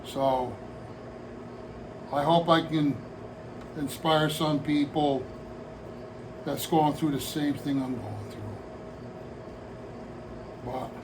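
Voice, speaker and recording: A man in his sixties, a hobby vlogger, rambles casually to camera from his home hobby room, meandering and heartfelt. He speaks extremely slowly with a slightly high voice, pausing often, restarting sentences, and trailing off into asides. Background noise is audible.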